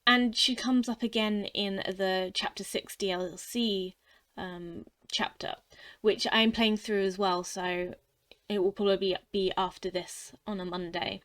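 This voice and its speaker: A woman's voice: medium pitch, steady tone, measured pace, fairly bright tone. A young woman hosting a gaming channel, chatting casually and rambling through her opinions, often repeating words as she thinks aloud. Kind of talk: casual chatty tier-list commentary.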